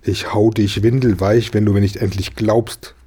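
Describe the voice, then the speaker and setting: A man reading a storybook and voicing a small boy with a squeaky, piping voice. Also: level tone, normal speed, warm tone, slightly rough. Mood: furious.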